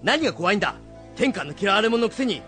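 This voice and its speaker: An actor playing a young, earnest rakugo storyteller who is direct and meddling but kind. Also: male voice, sits high, fast talker, soft background music. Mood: pushing. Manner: animated, direct speech.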